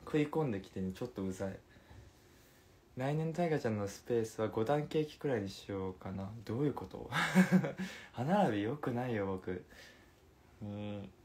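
A man's voice: mid-range voice, animated, moderate pace, darkish tone. A man in his twenties hosting a casual phone livestream, answering viewers' comments in a playful, chatty way and giggling between remarks. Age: 20s. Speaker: livestream host.

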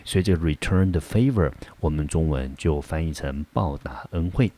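A man from Taiwan, teaching an English vocabulary lesson and sounding out example sentences slowly and carefully. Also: a bass voice, dark tone. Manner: slow careful word-by-word pronunciation.

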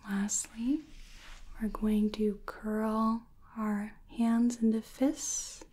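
A woman in her twenties in a whispered role-play as a soothing clinician, giving slow, breathy relaxation instructions up close. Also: fairly high pitch, little pitch movement, mellow, a little hiss or hum. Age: 20s. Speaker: ASMR performer playing a sleep clinician.

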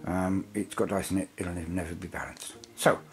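A tired hobby channel host chats casually while reviewing a game book, rambling and digressing and calling himself a waffler. His voice sits low, with a steady tone and normal speed.

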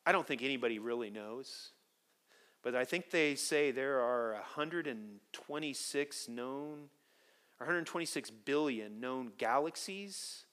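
A man preaching a sermon as pastor, telling stories with animated swings from quiet asides to loud emphasis. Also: medium pitch, clean tone. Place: church sanctuary.

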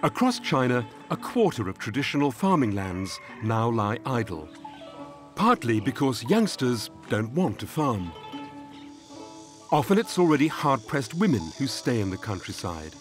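A man delivers scripted documentary narration in a measured, informative way. His pitch moves up and down freely, and soft music plays underneath him. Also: big pitch swings.

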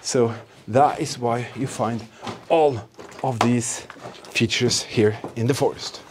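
Against a noisy background, a man with a mid-range voice and fairly even intonation speaks slowly, narrating to the camera on a forest walk past ruined buildings. He hosts a history exploring channel and talks with enthusiasm and emphasis, repeating words.

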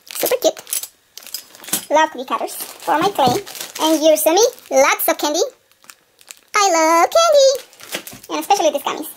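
A craft-channel host, a woman with a strikingly high voice, excitedly unboxes a gift box at home. She gushes over every item, exclaiming constantly. A faint hiss sits under her voice. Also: moderate pace, pauses often. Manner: gushing, excitable, lots of exclamations. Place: at home at a table.

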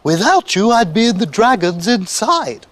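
A man voicing a spirited, excitable witch from a children's storybook, in an exclamatory manner. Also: sits high, unhurried, pitched above the performer's own voice, exaggerated voice. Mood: grateful, relieved. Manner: exclamatory, emphatic.

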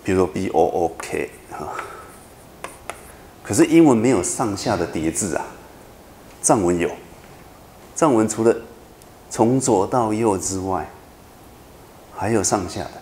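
A male university lecturer explains step by step, repeating key points and checking in with his students. His voice sits a little low. The classroom sounds roomy, with a faint background hiss. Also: expressive, measured pace, long pauses, mellow. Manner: patient, repetitive explaining with frequent checking questions.

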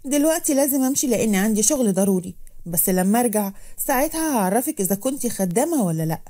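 A woman voicing a vengeful, scheming young man with an Egyptian Arabic accent, muttering threats in a lowered voice. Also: animated, very fast, dark tone. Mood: mocking.

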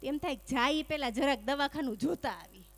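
Woman, high voice, stand-up storytelling, acts out quoted dialogue. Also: expressive, brisk, soft background music. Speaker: stand-up comedian. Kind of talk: stand-up comedy storytelling on stage.

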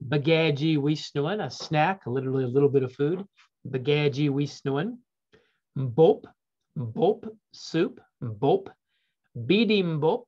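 Man teaching words over dull call audio. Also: fairly high pitch. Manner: slow repeated vocabulary drills, then relaxed joking asides. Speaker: language teacher. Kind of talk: online language class. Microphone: video call.

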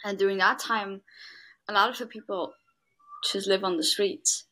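In a low-quality recording, a young woman from Switzerland speaks at medium pitch and a moderate pace, her voice pushed and bright with fairly even intonation. Swiss German is her first language; she works at a refugee school and, as a guest in a relaxed interview, comes across as earnest and frequently says "like."

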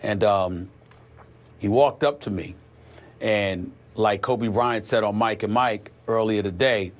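A middle-aged man with a fairly low voice talks on a sports show. He is earnest and reflective, and he often breaks off and restarts his sentences. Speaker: sports talk show host. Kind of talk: conversational sports talk tribute.

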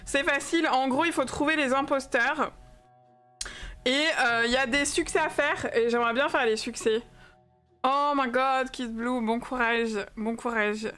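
A young woman from France hosts a casual live stream, chatting with her viewers and greeting them one by one. Her voice sits high, and her talk is loose and full of fillers. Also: normal speed, fairly bright tone, soft background music.

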